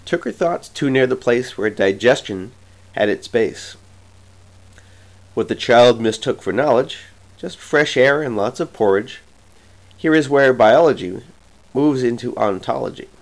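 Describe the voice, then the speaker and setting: Male reader, middle pitch, slow dramatic poetry recitation, rhythmic. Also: expressive, vocal fry, low-quality recording. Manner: slow, theatrical rhythmic delivery.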